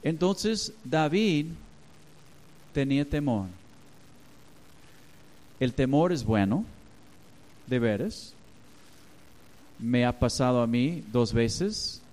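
A man's voice: medium pitch, poor audio. A man preaching a sermon, telling stories and acting out the voices in them. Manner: animated, acts out voices in anecdotes. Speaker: pastor. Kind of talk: sermon with storytelling.

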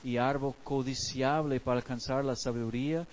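A man's voice: medium pitch, steady tone, moderate pace, darkish tone, a little hiss or hum, poor audio. A man preaching as a pastor, explaining scripture in a conversational way with everyday street examples. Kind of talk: sermon.

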